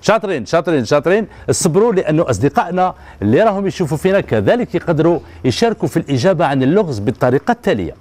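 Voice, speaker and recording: Racing along with big pitch swings, this slightly high, a little mellow voice belongs to a man in his thirties with an Algerian Arabic accent. He hosts a children's TV show on a bright studio set before kids, coaxing them with questions over a handheld mic.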